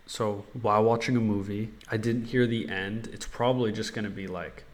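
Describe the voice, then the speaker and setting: A man practicing as a language learner, tentatively thinking aloud and haltingly sounding out Japanese. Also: fairly low pitch, fairly even intonation. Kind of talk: casual speaking practice.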